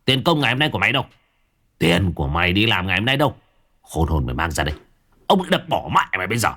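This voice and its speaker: A man doing a drunken abusive husband, rapid shouting, lively pitch swings. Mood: drunken rage. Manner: slurred, shouting, rapid abuse. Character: drunk, violent, greedy middle-aged husband.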